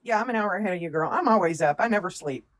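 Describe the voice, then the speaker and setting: A woman's voice: on the low side, expressive, rapid-fire. A woman, chatting casually as a livestream co-host and reading out where viewers are from. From Tennessee, USA. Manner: chatty, reads out viewer comments.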